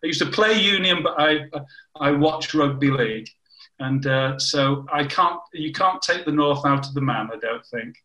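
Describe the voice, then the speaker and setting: Speaking at a moderate pace, this former scientist is an older man from the north of England with a northern accent, sharp in tone and a little high-pitched. Interviewed conversationally, he shares anecdotes and frequently restarts sentences to correct himself. The recording is rough and roomy.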